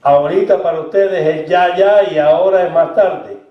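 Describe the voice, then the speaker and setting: Man, pastor, sermon, fairly high voice, distant mic in an echoey church. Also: lo-fi sound. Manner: slow, conversational preaching with acted-out dialogue. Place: church sanctuary.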